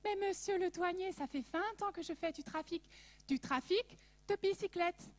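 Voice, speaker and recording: A woman's voice: very high voice, normal speed, voice pushed up. A woman voicing a sly Alsatian man who smuggles bicycles, with an exaggerated comic Alsatian accent. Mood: sly, triumphant.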